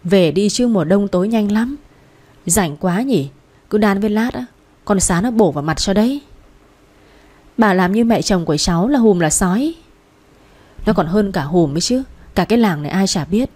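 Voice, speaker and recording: Old village woman, blunt and scolding, read by a female narrator; mellow tone. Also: mid-range voice, lively intonation, moderate pace, close to an everyday voice. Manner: coarse, nagging.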